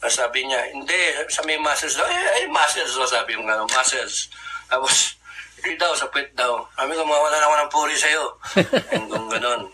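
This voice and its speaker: A Filipino man tells an old story in a loose, chatty way, laughing along and slipping into the voices of the people he quotes. His tone is very bright and forceful, with a faint hiss of background noise. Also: medium pitch, lively intonation, normal speed, poor audio. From Philippines. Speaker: guest recounting a survival story. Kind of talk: casual anecdotal storytelling.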